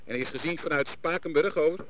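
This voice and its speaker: Lifeboat crewman, male, marine VHF radio; matter-of-fact, muffled line with clear static. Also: a little high, quick pace. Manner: matter-of-fact, hesitant fillers. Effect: marine VHF radio transmission. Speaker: lifeboat crew member.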